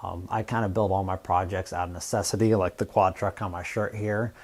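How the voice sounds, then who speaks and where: A man from the US Northwest who hosts a fabrication channel, talking casually and plainly to camera in a relaxed, rambling way. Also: deep voice, fairly quick. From Washington State, US Northwest. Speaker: YouTube fabrication channel host.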